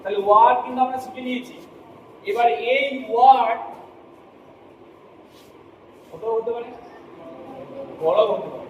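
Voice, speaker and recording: Guy teaching a class, spells stuff out letter by letter, really high voice, recorded far off in a big echoey room. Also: fairly even intonation, normal speed, long pauses, muffled recording, slight background noise. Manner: asks the class checking questions, spells words letter by letter. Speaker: English teacher. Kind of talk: classroom lesson.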